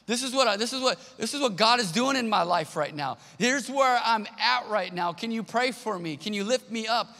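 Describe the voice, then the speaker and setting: A man's voice: high voice, expressive, moderate pace, creaky, few pauses, pushed and bright. A male pastor preaching a sermon, telling a personal story in an earnest way, repeating his key phrases and acting out the people he quotes. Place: church auditorium. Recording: long hall reverb.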